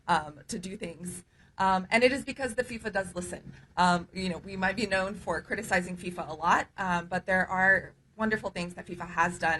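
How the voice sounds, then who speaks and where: A woman human rights advocate speaking at a press conference, earnest and hesitant with many pauses. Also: lowish voice, fairly bright tone, a little hiss or hum.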